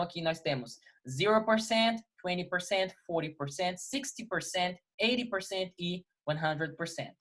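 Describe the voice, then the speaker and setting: Brazilian male teacher, patient explainer, repeats and checks in often, reads examples slowly. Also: high voice, fairly bright tone. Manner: patient, repeats key words and checks in with "ok? tá? beleza?"; reads English example sentences slowly, then translates them. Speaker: English teacher. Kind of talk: recorded classroom lesson.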